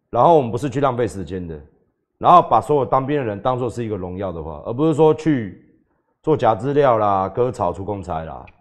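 Earnest talk show host. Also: male voice, mid-range voice, a little mellow.

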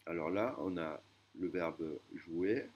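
Slow low-voiced male language teacher. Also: slightly rough, lo-fi sound. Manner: slow, hesitant, self-correcting. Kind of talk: explanatory lesson.

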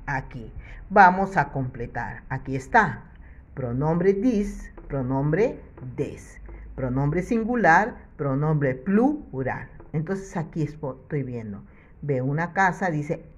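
A woman's voice: sits low, darkish tone. A woman teacher with a Peruvian Spanish accent gives a patient children's English lesson, asking questions and answering them herself.

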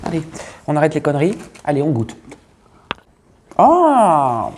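A man's voice: a little high, huge pitch swings, measured pace, darkish tone, slight background noise. A man playing a brash, crude female farmer with a Burgundian accent in a comic sketch. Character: brash middle-aged female farmer from the countryside. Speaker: taste-tester.

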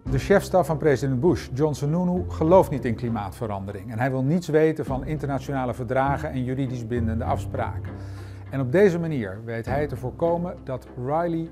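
A middle-aged man presenting a documentary in clear, steady scripted narration. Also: mid-range voice, fairly quick, over music.

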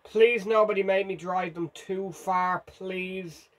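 A man's voice: sits high, fairly even intonation, takes it slowly. A man giving frantic, self-mocking commentary as he plays a driving game. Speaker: gaming video host. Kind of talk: live gameplay commentary.

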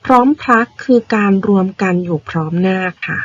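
A woman primary school teacher patiently explaining vocabulary words to young children, spelling them out slowly. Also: medium pitch, lively intonation, no echo, lo-fi sound. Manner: patient, spells words out slowly, ends phrases with polite particles.

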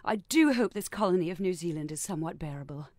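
A snooty posh English lady, as a woman puts her on, prim and fussy, with a dry, close sound and a lower, softer voice than the performer's own. She speaks in clipped, mannered tones. It is a comic radio sketch. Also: animated, quick pace, dry recording, lightly acted. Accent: put-on posh English. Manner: haughty, mannered.

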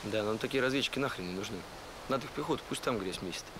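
A man's voice: lowish voice, rapid-fire, background noise, close to an everyday voice. A young man playing a curt, dry Red Army captain in a war drama. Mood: dry, dismissive.

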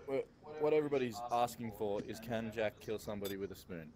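A man giving excitable, joking, sweary live commentary while streaming virtual-reality gameplay in a room. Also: on the low side, fast talker, noisy background. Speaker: gamer streaming VR play. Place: indoor room, standing in VR headset.

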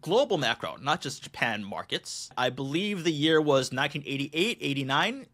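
A man's voice: a little high, sing-song, normal speed, a bit bright. An American man hosting an interview podcast, chatty and a little rambling as he sets up his questions. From United States. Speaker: podcast host. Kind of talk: conversational interview.

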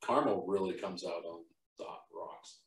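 A man's voice: deep voice, moderate pace. A man hosting a casual whiskey-tasting chat, talking loosely with lots of fillers. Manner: laid-back, rambling with fillers. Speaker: podcast host. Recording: roomy, from a distance.

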